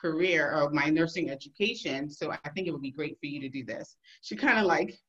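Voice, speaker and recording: An emergency physician from Liberia in West Africa appears as a podcast guest, telling stories in a casual, animated way and laughing often. Her voice is low-pitched and brisk, and the audio sounds dull.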